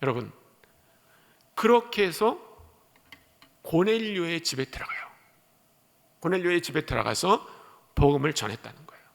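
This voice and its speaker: Man, preacher, animated sermon, gravelly voice, sharp tone, reverberant church sanctuary. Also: a little high, moderate pace, long pauses. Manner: animated, asks congregation questions. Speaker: missionary preacher. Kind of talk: sermon with scripture reading. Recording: echoey church hall.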